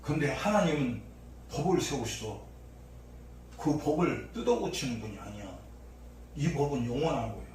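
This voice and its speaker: A male pastor preaching an impassioned sermon, swinging from low murmurs to shouts, recorded in a church sanctuary during an evening service. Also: very animated, normal speed, pauses often. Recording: echoey church hall from far off, faint noise.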